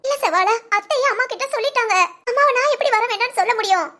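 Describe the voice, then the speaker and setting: A performer voices a frightened young daughter-in-law in a cartoon family drama, pleading anxiously. The voice is extremely high, racing, pushed and bright, full of fear.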